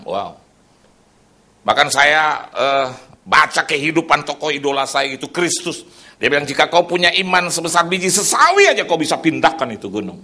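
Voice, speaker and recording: Bright-voiced preaching man. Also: a little high. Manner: lively preaching with shifts between loud and soft, sound effects. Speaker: pastor, evangelist. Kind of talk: sermon. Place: church.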